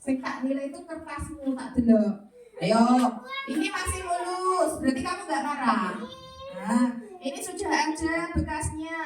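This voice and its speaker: A woman primary school teacher with a Javanese accent, coaxing children with playful questions. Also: high voice. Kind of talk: classroom lesson with children. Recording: roomy, far from mic, noisy class. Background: children chattering.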